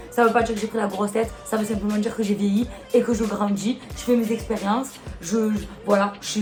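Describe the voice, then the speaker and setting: A woman's voice: mid-range voice, a little mellow. A woman with a Marseille accent, casually talking to camera in a vlog and answering comments in a blunt, exasperated way. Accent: Marseille French. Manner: blunt, exasperated, fond of rhetorical questions. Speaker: YouTuber.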